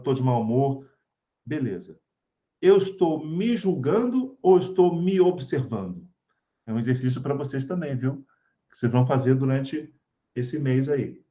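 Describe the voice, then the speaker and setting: Over a video call, a Brazilian-accented man leads a spiritist study group in an informal spiritual talk, chatting away and tossing in tag questions to check on his listeners. His voice is medium in pitch and dark in tone, and the audio sounds dull.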